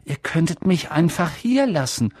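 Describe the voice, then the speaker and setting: A man's voice: on the high side, big pitch swings, measured pace, darkish tone, slightly rough, dry recording, studio quality, voice pushed up, heavily acted. A male audiobook reader voicing a hopeful, put-upon young boy in an everyday tone. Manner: hopeful, plain.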